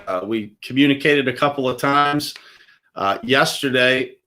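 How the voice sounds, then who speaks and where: A man's voice: mid-range voice, unhurried, sharp tone. A man hosting a casual interview, easygoing and full of filler words. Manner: easygoing, lots of "uh" fillers and restarts. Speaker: show host.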